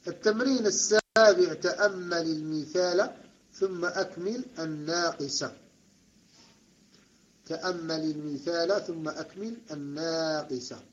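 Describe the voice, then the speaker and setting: A man's voice: on the high side, dull audio. A man teaching an Arabic grammar class, repeating and correcting students' answers and approving them with a short word of praise.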